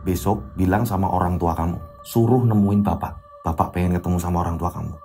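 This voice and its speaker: A man's voice: a little high, sing-song, brisk, darkish tone, soft background music. Man doing a stern Javanese-accented teacher, indignant and insistent. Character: stern strict male schoolteacher, short-tempered.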